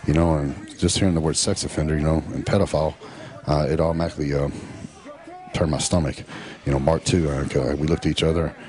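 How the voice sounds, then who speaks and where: Very deep-voiced laid-back man. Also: steady tone, darkish tone. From Texas. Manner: laid-back, drawn-out with many fillers. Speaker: professional bodybuilder. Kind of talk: casual voice-over narration.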